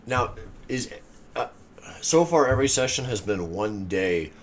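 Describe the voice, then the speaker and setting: A man's voice: mid-range voice, sing-song, unhurried, slight background noise. A man playing in a tabletop game, chatting casually, laid-back, joking and swearing. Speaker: player.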